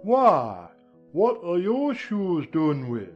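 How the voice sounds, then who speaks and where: A man's voice: high-pitched, wildly swooping pitch, drawn-out words, darkish tone, highs cut off, faint music behind, exaggerated voice. A man voicing a solemn, impatient male Gryphon who bosses others around, in a dramatized audiobook. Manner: blunt, impatient, bossy.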